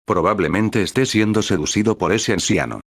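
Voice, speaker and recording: A man's voice: lowish voice, brisk, husky, dry recording, studio quality. A man voicing a sly, mocking adventurer party leader. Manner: mocking, knowing.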